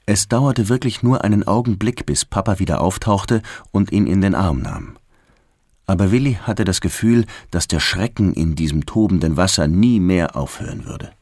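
A man reading a children's storybook aloud, expressive and slowing down at tense moments. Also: low voice, no room sound, clean studio sound. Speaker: narrator.

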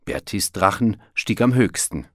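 Male storyteller, slow and very expressive, dry close sound. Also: on the low side, dry recording. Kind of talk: storybook read-aloud.

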